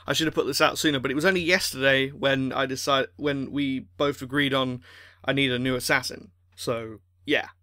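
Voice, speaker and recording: A man who makes machinima videos, rambling and rushed as he appeals to his viewers, full of restarts and a little out of breath. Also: mid-range voice, fairly even intonation, pushed and bright, dry recording, studio quality. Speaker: machinima creator.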